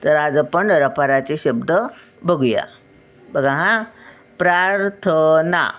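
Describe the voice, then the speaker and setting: Slow, patient grandmother teaching children. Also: deep voice. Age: older. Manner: patient, repeats words syllable by syllable. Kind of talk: children's spelling lesson.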